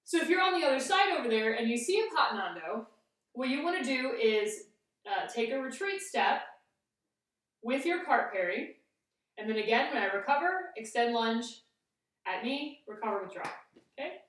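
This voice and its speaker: A woman's voice: fairly high pitch, sing-song, moderate pace, fairly bright tone. A woman working as a fencing coach, giving step-by-step exercise instructions and often checking in as she demonstrates. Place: echoey indoor room. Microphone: camera at a distance. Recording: very echoey room, distant microphone.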